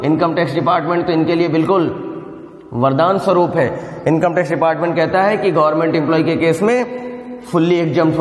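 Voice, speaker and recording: A man with a high voice teaches a recorded lesson, working through each step and stopping to check that his students follow. The sound is roomy, with a long reverb that hangs after his words. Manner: explains step by step, often asking students questions; mixes Hindi with English terms. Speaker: commerce tutor. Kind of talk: recorded video lecture. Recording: echoey room with long reverb.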